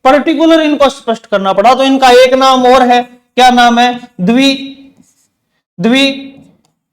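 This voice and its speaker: High-voiced man teaching a grammar lesson. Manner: repeats key terms and asks questions back to the class; says terms slowly, one by one. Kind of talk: exam-prep grammar lesson.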